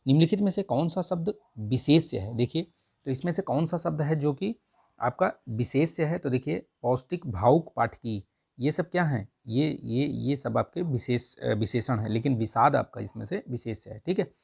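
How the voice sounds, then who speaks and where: A man's voice: medium pitch, animated, moderate pace, gravelly, a little mellow, slightly rough. A young man tutoring Hindi for an exam, going through test answers and repeating each one for his students to remember. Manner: repetitive, drills answers with "ठीक है" and "याद रखिएगा"; asks questions then answers them himself. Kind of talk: test answer walkthrough lesson.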